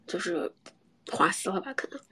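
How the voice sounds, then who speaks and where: Young woman, personal storyteller, husky voice, low and intimate, often whispered, halting. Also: expressive. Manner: soft, often half-whispered, hesitant with many restarts.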